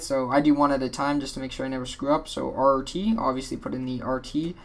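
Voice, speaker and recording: This tutorial host is a man walking through a casual how-to in a rambling, offhand style, frequently correcting himself. He sounds tired and somewhat worn, though his medium-pitched voice has a fairly bright tone; slight background noise is audible.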